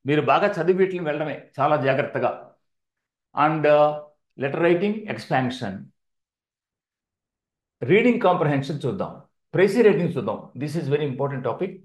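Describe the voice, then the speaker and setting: An older man with an Indian English accent teaches an exam-prep English class in a fairly high voice. He spells words letter by letter and repeats them slowly for pronunciation drill. The room gives his voice a clear echo.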